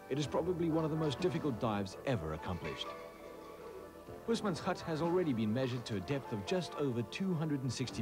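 Male documentary narrator, measured and informative, animated pitch, voice-over on a music bed. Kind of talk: scripted narration.

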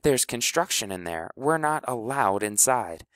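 A man's voice: medium pitch, animated, unhurried, a bit bright, no echo, pitched above the performer's own voice. A man doing a grand, affected theatre director woman. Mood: grandly instructive. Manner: affected, dropping fake French phrases. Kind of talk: audiobook character voice.

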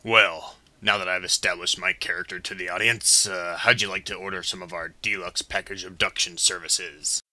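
A low-voiced, very sharp anime parody villain played by a man. He is chatty and theatrical, flippant about his own evil, and stalls casually. The sound is close and dry. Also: fairly even intonation, moderate pace, hardly any pauses, dry recording. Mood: flippant, stalling. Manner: casual, stalling, mock-menacing. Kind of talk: comedic anime parody dub.

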